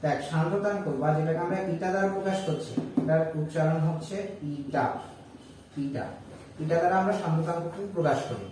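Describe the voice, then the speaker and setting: A man's voice: fairly high pitch, fast, few pauses. A man teaching physics to students, explaining step by step and asking rhetorical questions before answering them. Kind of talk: board lesson explanation. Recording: echoey room heard from a distance with faint noise.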